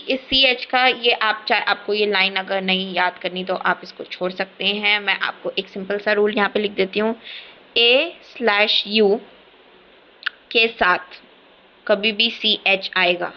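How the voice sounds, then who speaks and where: A woman gives a casual beginners' lesson, patient and often checking that her viewers follow. Her voice sits at a middle pitch. The audio is a bit dull and lo-fi, like a simple desk mic on a screen recording. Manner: patient, repeats "theek hai" often. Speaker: language teacher.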